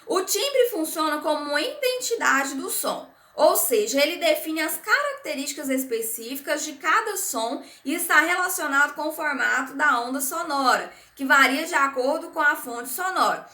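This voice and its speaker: A Brazilian woman teaching a recorded primary school science lesson. Her voice is high and bright. She explains things step by step, repeating herself and checking with the class, and the sound has the echo of a room. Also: lively intonation, normal speed, few pauses. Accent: Brazilian Portuguese. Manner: patient, repetitive explaining with frequent "né?" and "certo?".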